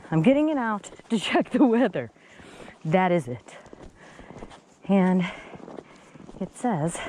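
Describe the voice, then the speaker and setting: A woman's voice: fairly low pitch, mellow. A woman chatting casually and in a rambling way as she hikes, with the slight effort of trudging through snow outdoors. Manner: rambling, talks to her dog and viewers. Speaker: solo hiker vlogger. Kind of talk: casual chat while hiking. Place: outdoors on a snowy trail. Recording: noisy windy outdoor trail recording.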